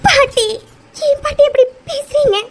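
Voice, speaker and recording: A woman's voice: very high voice, slight background noise, voice pushed up. Woman doing a sobbing young girl. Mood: tearful. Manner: pleading, halting. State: crying. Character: young girl, tearful and pleading.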